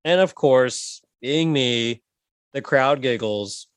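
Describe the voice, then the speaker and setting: A man's voice: medium pitch, takes it slowly, clear, resonant tone, no room sound. A man co-hosting a casual podcast, telling stories loosely and swearing freely. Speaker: podcast co-host and improv comedian.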